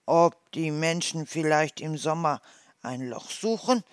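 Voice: mid-range voice, animated, unhurried, dry recording, clean studio sound, natural voice. A storyteller voicing a small, curious, naive hedgehog who asks wondering questions.

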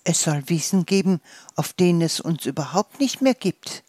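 A storyteller voicing a crowd of excited little dandelions in a children's story. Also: moderate pace, no echo, natural voice. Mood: eager. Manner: high, eager, loud.

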